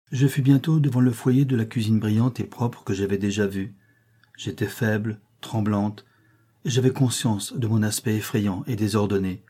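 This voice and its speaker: A man narrating a classic novel in a measured, expressive reading. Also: on the low side, slightly rough. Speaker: audiobook narrator.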